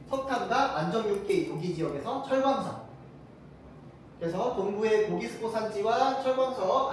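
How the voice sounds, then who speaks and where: A teacher giving a casual classroom lecture, firing quick rhetorical questions at the students. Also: medium pitch, slight background noise. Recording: very echoey room, mic far off.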